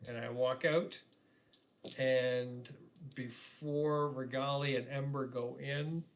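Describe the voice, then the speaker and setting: A man playing a tabletop game, narrating his character's actions in an animated way. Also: medium pitch, slow, a little hiss or hum. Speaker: player.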